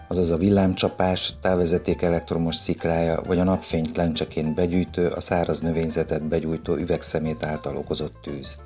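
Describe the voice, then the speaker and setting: Deep-voiced male radio newsreader. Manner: even, measured read of a script. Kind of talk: radio news reading.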